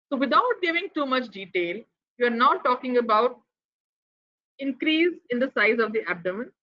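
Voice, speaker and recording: Indian English woman, lecturer, fairly high voice, asks questions to teach, dull online audio. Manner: explanatory, poses rhetorical questions, some restarts. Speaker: pathology lecturer giving a keynote.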